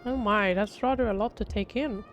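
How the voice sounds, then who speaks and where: Gentle village chai brewer, read by a woman. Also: medium pitch, moderate pace, highs cut off, soft background music, close to an everyday voice. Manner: polite, formal, old-fashioned phrasing.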